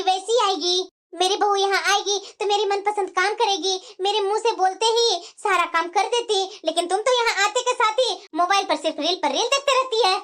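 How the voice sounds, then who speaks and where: A woman voicing a sharp-tongued, bossy mother-in-law in a cartoon, speaking in a mocking, scolding tone. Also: extremely high pitch. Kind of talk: cartoon voice acting.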